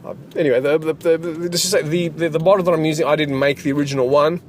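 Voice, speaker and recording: A man's voice: on the high side, fairly even intonation, fast. A man who develops games, chatting casually and rambling while driving, with lots of fillers and restarts. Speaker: game developer and channel host. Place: inside a car while driving. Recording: road noise inside a moving car.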